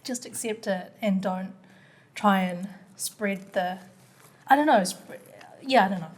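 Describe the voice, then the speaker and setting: A woman chatting casually as an interview guest, halting and self-deprecating, often repeating her phrases. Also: mid-range voice. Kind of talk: casual chat.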